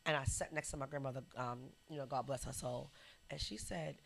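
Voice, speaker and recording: A woman hosting a podcast, chatting casually and telling lively stories that she acts out, sometimes dropping to a whisper. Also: very deep voice, fairly quick, vocal fry, a little hiss or hum. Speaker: podcast host. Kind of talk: casual chat and storytelling.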